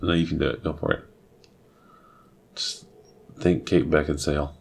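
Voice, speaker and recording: A man co-hosting a casual family podcast as a father, with dry, low-key humor. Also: fairly even intonation, normal speed, vocal fry, slightly rough.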